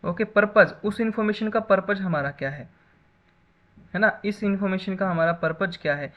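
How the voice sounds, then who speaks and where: A man's voice: sits high, moderate pace, highs cut off. A man teaching a basic computer class in a lecture style, explaining with everyday examples and often checking back with "है ना".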